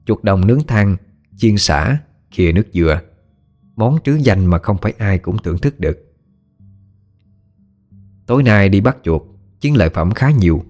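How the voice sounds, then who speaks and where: A man's voice: on the low side, expressive, moderate pace, long pauses, darkish tone, soft background music. A man narrating a ghost story in a folksy storytelling manner.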